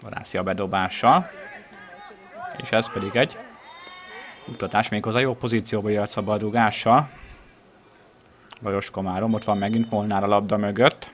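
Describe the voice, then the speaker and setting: A man giving live football match commentary, measured in his delivery and rising with excitement at chances. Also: on the low side.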